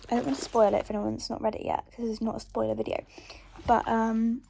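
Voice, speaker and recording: A woman's voice: fairly high pitch, little pitch movement, quick pace, gravelly, dark tone, a little hiss or hum. A young woman vlogging casually about books, chatty and emotional, sometimes whispering from her bedroom. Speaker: book vlogger. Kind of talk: casual reading vlog. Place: bedroom at night.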